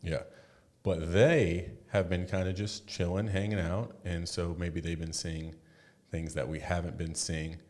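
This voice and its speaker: A man with a very deep voice chats casually as a podcast co-host. He talks in a laid-back, blunt way and swears offhandedly. His delivery is relaxed and conversational. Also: measured pace. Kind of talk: casual chat.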